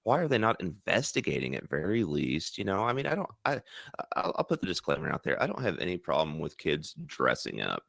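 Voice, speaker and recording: A man with a very deep, gravelly voice co-hosts a casual podcast chat. He gets worked up and rants, stumbling over repeated words as he restarts. The recording is dry and close. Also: brisk, no room sound. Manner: animated, stammering restarts, ranting. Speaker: podcast co-host.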